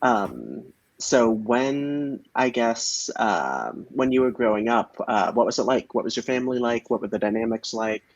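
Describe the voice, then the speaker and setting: Over a video call, a man conducts a casual oral history interview, friendly and hesitant, with many fillers in his questions. His medium-pitched voice is animated and measured in pace. The audio is dull, dry and lo-fi.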